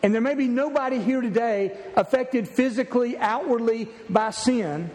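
A man's voice: very high-pitched, normal speed, darkish tone. A man preaching an earnest sermon as pastor in a church, often restarting his words. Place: church sanctuary. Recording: long reverb of a church hall.

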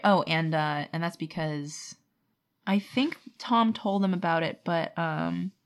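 Speaking slowly in a fairly low voice, this podcast co-host recaps a book in relaxed conversation. She slips into paraphrased quotes, performing what the characters said.

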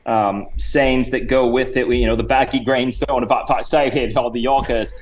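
A man voicing a jovial, stuffy British gentleman in a put-on mix of Cockney and Australian accents, chummy and full of idioms. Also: medium pitch, fairly even intonation, moderate pace, natural voice. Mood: hammy chummy. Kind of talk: comedic improvised character bit.

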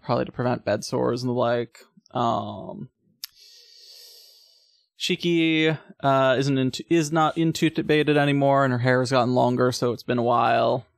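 A man's voice: medium pitch, fairly even intonation, moderate pace, vocal fry, dry recording, studio quality. A man in casual podcast chat, recapping a film scene by scene, laughing often and rambling with fillers. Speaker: podcast co-host.

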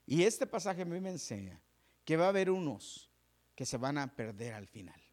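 Fervent preaching pastor, voice swings wide. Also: male voice, on the high side, very animated, moderate pace. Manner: storytelling, swings from hushed whispers to raised fervent preaching. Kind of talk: sermon.

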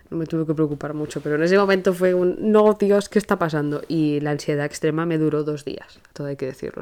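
A young woman with a Spain Spanish accent hosts her own podcast, speaking in a slightly low voice. She tells anecdotes in an animated, chatty way, stumbling and restarting as she goes. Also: clean tone. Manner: animated, rushes and restarts while telling an anecdote. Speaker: podcast host. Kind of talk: casual storytelling monologue.

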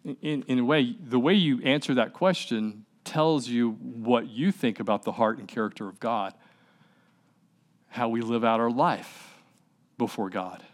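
A man's voice: mid-range voice, a little slow. Conversational male preacher. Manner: conversational preaching, rhetorical questions to the audience; repeats words and restarts while stressing points. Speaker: pastor. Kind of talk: sermon.

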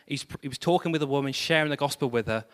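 A man pastor preaching a sermon, animated, with self-deprecating humor and exclamations of praise. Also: medium pitch, fast talker, long reverb tail.

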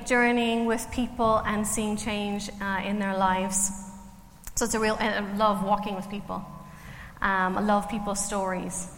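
A woman's voice: fairly high pitch, fairly bright tone. A woman in her forties from Canada, with a Canadian accent touched by an Irish twang, giving a casual, self-deprecating church talk full of ums. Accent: Canadian with a slight Irish twang. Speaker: guest speaker at church, counselor. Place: church hall. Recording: echoey church hall with faint noise.

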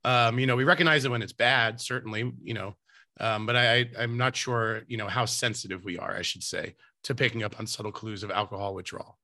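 A man who is an emergency doctor, talking thoughtfully with many pauses and fillers. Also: fairly low pitch, bright, forceful tone, dry recording, clean studio sound. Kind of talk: casual chat.

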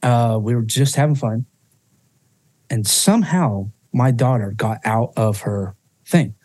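Man, podcast guest, mellow voice, dry sound, emotional storytelling, swears freely, restarts sentences. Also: mid-range voice, measured pace, no room sound. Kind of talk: personal storytelling.

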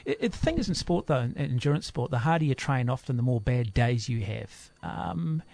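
A man hosting an interview, asking long, rambling questions in a relaxed conversational way. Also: medium pitch, fairly quick, gravelly, no echo. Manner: wordy questions with fillers and restarts. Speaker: interviewer, host.

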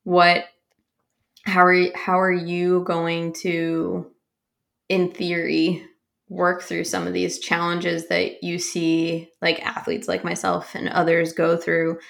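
A woman's voice: on the low side, monotone, takes it slowly, gravelly, fairly bright tone. A young woman hosting a running podcast, asking long, rambling, chatty questions. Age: young adult. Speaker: podcast host, runner. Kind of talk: casual interview chat.

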